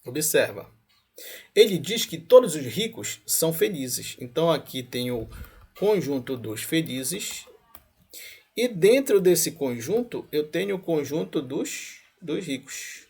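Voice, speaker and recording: Gravelly-voiced Brazilian math teacher. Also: male voice, fairly high pitch, slow pace. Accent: Paraense Brazilian Portuguese. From Pará, Brazil. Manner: energetic, addresses viewers as galera, frequent tag questions like tá? and ó. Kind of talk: exam-prep lesson walkthrough.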